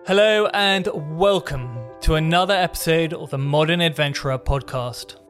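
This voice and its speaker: A man hosting an adventure podcast, reading a measured, announcer-like introduction and asking questions. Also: fairly high pitch, a bit bright, faint music behind. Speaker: podcast host.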